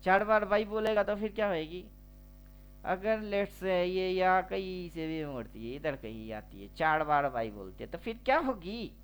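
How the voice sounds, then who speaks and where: Slow, slangy male teacher. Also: high voice, animated, fairly bright tone, smooth, faint music behind. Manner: slangy, teasing, full of rhetorical questions. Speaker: trading teacher. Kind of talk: chart tutorial voice-over.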